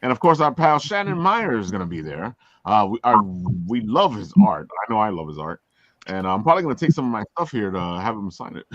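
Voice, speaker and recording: A man with a Brooklyn accent chats casually as a show host. His pitch moves around in an animated way, and the sound is a little muffled. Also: brisk, no echo. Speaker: host of a comics and convention talk show. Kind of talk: casual chat.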